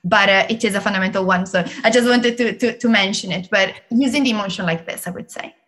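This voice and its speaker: Bright-voiced Italian woman explaining. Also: medium pitch, quick pace. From Italy. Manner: explanatory, lively, laughs often. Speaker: guest, learning expert. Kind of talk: interview conversation.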